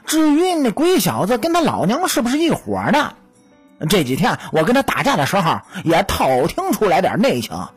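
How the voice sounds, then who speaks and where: A woman's voice: medium pitch, wildly swooping pitch, moderate pace, breathy edge, soft background music, voice pushed down, full character voice. A woman voicing a cocky, teasing male weasel spirit in a storytelling audiobook. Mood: smug teasing. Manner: teasing, smug, chuckling.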